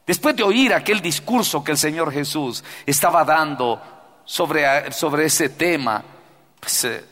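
A man preaching a sermon as pastor, swinging between loud cries and hushed prayer. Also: a little high, expressive, measured pace. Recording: long hall reverb.

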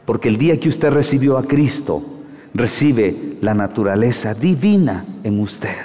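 A middle-aged man preaching an evangelical sermon, calling listeners brother and firing rhetorical questions, dropping to low murmurs then rising to high, urgent cries. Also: lively intonation, unhurried, warm tone, long reverb tail.

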